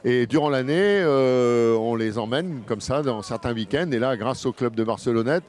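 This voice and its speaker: A man who heads a district youth program, giving an interview statement outdoors with frequent hesitant pauses. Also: mid-range voice, darkish tone. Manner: hesitant, many filler pauses.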